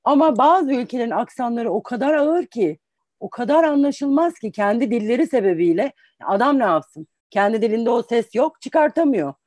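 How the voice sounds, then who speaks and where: A woman's voice: a little high, lively intonation, normal speed, a little mellow, dry recording, clean studio sound. A woman in her forties, an English teacher, giving patient, explanatory advice in an interview and restating points with examples. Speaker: English teacher and career guest.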